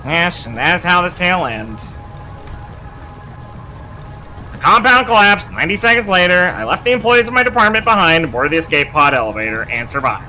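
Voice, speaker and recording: A man's voice: sits high, very animated, fast talker, hardly any pauses, pushed and bright, voice pushed up, exaggerated voice, rough recording. A man voicing a callous, arrogant male researcher in formal, haughty speech, reading a video game's dialogue aloud. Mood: cold. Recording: faint game music behind.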